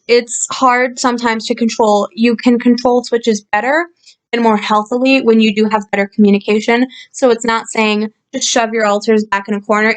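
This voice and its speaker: A woman reading a story aloud and commenting on it in a calm, explanatory way, with frequent fillers, recorded on a computer's built-in mic. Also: mid-range voice. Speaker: channel host reviewing a story. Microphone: built-in computer microphone.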